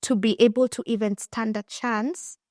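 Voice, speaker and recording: A young adult Kenyan podcast host and finance coach chats in a casual interview, her animated storytelling marked by many restarts and a Kenyan accent. Her voice is on the high side at a normal speed, captured in a dry, studio-quality recording.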